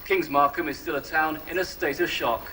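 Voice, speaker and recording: An actor playing a formal TV news reporter, measured and solemn. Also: male voice, on the high side, steady tone, background noise, natural voice.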